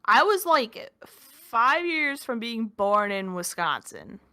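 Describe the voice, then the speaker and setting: A woman in her early twenties from Minnesota co-hosts a podcast, chatting casually with lots of filler words and self-deprecating asides. Her voice is on the high side and bright, with big pitch swings, a slow pace, and a forceful tone.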